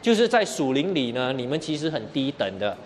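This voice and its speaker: A man's voice: mid-range voice, sing-song, a little fast, slight background noise. Man preaching a sermon in a reverberant hall. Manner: explains verse by verse with many rhetorical questions. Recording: long hall reverb, faint ambience.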